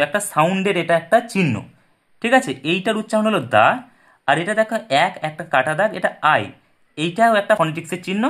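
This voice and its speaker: Male teacher, slightly raised pitch, patient, walks through examples step by step. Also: fairly bright tone. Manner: patient, repeats points and asks then answers his own questions. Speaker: English teacher. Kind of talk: explaining a lesson. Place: indoors at a desk with paper and pen.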